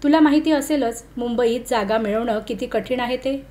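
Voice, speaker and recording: A woman's voice: fairly high pitch, moderate pace, mellow, close to an everyday voice. A woman reading the lines of a young man, a struggling commercial artist, who answers curtly and grows irritated. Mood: earnest. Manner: protests and snaps in exasperation.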